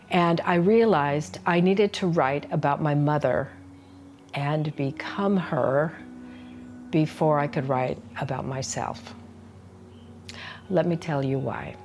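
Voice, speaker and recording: A woman's voice: sits low, darkish tone, a little hiss or hum. An older woman teaching solo performance, telling a personal family story in an earnest, reflective, confiding way.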